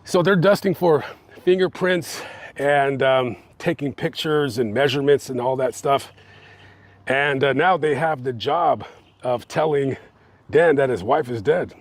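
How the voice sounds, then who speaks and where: A man hosting a true-crime channel, telling the story on location in a casual, conversational way, with plenty of fillers as he talks to his viewers. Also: mid-range voice. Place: on location outside a house.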